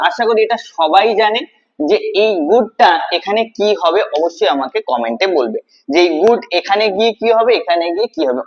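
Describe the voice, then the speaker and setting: A man's voice: sits high, highs cut off. A man teaching an English grammar lesson to students, asking questions and then answering them himself, repeating key words. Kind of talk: classroom-style video lesson.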